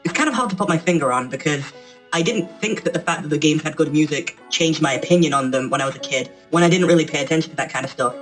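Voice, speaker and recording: A man's voice: a little high, fast talker, a bit bright, soft background music, pitched above the performer's own voice, low-quality recording. A man voicing a little male mascot presenter through a voice changer, talking in a chatty, rambling way. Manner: chatty, rambling, self-correcting. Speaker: channel presenter. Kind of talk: casual talk to camera.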